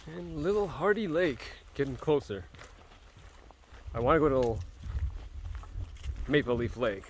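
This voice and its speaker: Worn out and aching, a man vlogging alone on a forest trail talks casually to his camera, full of fillers and swearing as he rambles. He speaks at a measured pace in a fairly high voice, with a little hiss or hum in the recording.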